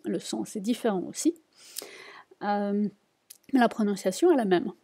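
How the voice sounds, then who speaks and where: A woman's voice: mid-range voice, moderate pace, gravelly, warm tone. A woman teaching a reading lesson, patiently repeating each word and explaining it. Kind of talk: slow spoken lesson.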